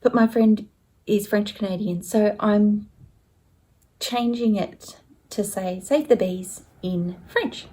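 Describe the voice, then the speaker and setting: A chatty woman talks slowly through her craft projects in a relaxed home vlog. She wanders a little and corrects herself mid-sentence, in an easy, unhurried way. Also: a little high. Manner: chatty and rambling, self-correcting. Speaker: stitching vlogger. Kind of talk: casual show-and-tell chat.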